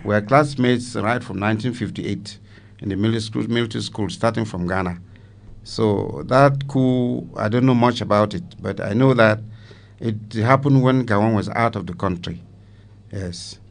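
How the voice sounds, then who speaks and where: A retired army commander, 70 or older and Cameroonian-accented, looks back on his memories during an interview. His gravelly voice is on the low side at a moderate pace, and he repeats phrases emphatically for weight.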